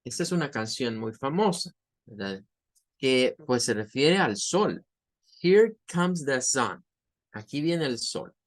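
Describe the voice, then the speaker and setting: A man teaching English pronunciation, saying each example word over and over slowly. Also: medium pitch, lively intonation. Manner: patient, repeats words slowly for drilling. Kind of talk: online language lesson.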